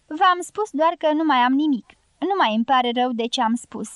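A shy, grieving young ex-bullfighter who speaks in a subdued, ashamed way, as a woman reads him out. The voice stays high for a young man, and the recording is close and dry. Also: animated, clear, resonant tone, dry recording. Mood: ashamed sad.

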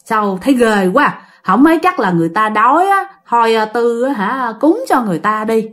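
A frightened mother, pleading in a soft, uneasy voice, as a woman storyteller puts her on. She sounds hushed in a spoken ghost story. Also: a little high, big pitch swings, normal speed.

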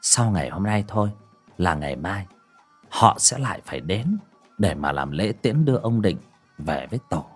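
A man's voice: low voice, very animated, moderate pace, breathy edge, faint music behind. A man narrating a ghost story as an audiobook, with dramatic delivery.

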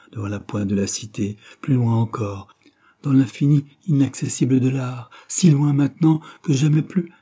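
A male narrator reads literary fiction aloud in a measured, expressive manner. His voice is very dark and husky, and sits somewhat low. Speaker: audiobook narrator.

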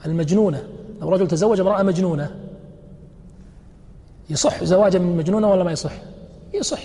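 A man teaching a religious text. He reads each quoted passage slowly, then explains it and checks with his students by asking questions. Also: high voice, mellow, in a large hall. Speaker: sheikh teaching a fiqh text.

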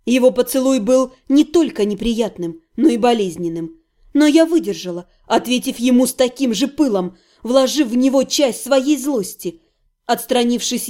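A woman narrating a first-person fantasy audiobook in an expressive, lively reading. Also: on the high side, normal speed.

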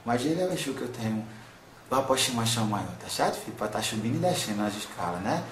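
A male medium channels a wise, soothing old grandmother spirit, counselling in a tender, middle-pitched voice and repeatedly calling her listener "son." The delivery is expressive, quick and natural, with a gentle mood, while the sound echoes around a reverberant room over a faint hiss.

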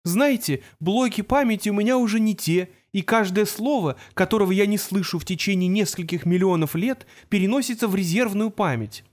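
A man voicing an ancient, gloomy male robot in an audiobook, with a creaky, grating voice and a slow, moaning, self-pitying drawl. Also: high-pitched, darkish tone, pitched above the performer's own voice, lightly acted. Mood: mournful. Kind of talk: audiobook character voice.

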